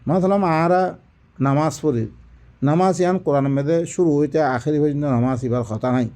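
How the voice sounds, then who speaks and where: A man's voice: a little high, normal speed, mellow. A man giving a religious lesson, explaining recited verses didactically with repeated phrases and rhetorical questions. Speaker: Quran teacher. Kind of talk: Quran exegesis, recited verses then explained.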